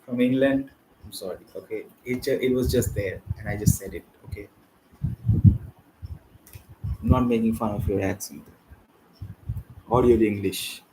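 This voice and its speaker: A man hosting a live cricket watchalong, rambling and chatty with slang and sudden excited bursts over the play. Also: lowish voice, unhurried, pauses often, slight background noise, low-quality recording. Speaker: watchalong host. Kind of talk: casual live cricket commentary.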